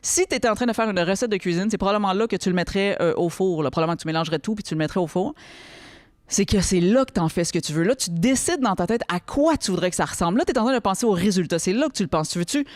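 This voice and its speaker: A young woman with a Quebec French accent giving a casual, lively talk to teenagers, often checking in with the listener. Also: medium pitch, fast, dry recording, clean studio sound. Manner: lively, chatty, addresses the listener directly with frequent checks. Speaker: workshop host speaking to teens. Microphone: close microphone, podcast recording.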